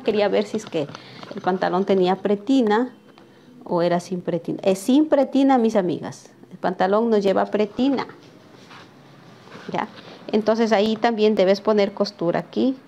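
A woman's voice: medium pitch, warm tone, a little hiss or hum. A woman giving a live sewing lesson while drafting a pattern at a table, chatting with viewers by name and checking in with frequent questions. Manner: chatty, talks to viewers by name and asks "¿sí?" often. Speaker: sewing teacher. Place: sewing workshop, at a cutting table.

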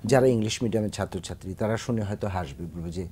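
A man's voice: on the low side, fast, dark tone, husky. A man, a singer who is a guest on a Bangladeshi TV talk show, speaking earnestly about correct pronunciation, with a Bangladeshi Bengali accent. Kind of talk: studio interview.

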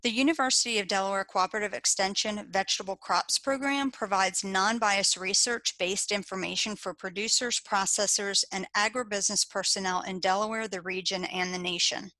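A woman with an American accent reading a scripted slideshow narration as an extension educator, in a steady, informative way. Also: mid-range voice, no echo.

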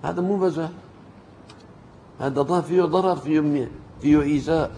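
A man preaching a sermon as an animated storyteller, acting out the people he quotes and rising in pitch to stress points. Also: moderate pace, slight background noise.

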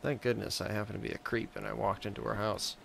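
A man's voice: fairly low pitch, level tone, quick pace, vocal fry, noisy background. A man giving joking, sarcastic commentary while playing through a video game. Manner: sarcastic, mocking.

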